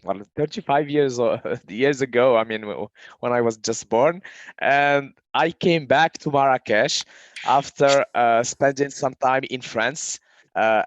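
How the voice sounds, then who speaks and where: A man's voice: medium pitch, no echo, highs cut off. Hesitant Moroccan-born man in his thirties. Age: 30s. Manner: hesitant, many fillers and restarts. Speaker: guest entrepreneur. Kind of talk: casual interview answers.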